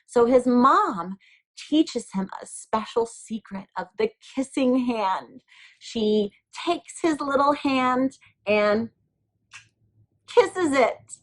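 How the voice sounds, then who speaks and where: Leading a craft demo for children, a woman who teaches primary school takes her time. She guides them step by step in plain, patient language, her voice moving expressively in pitch.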